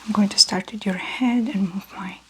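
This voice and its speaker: A woman in a whispered role-play, speaking softly and gently as a calm doctor giving a physical exam. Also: mid-range voice, moderate pace, a little hiss or hum. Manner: soft, gentle ASMR delivery. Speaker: ASMR performer playing a doctor.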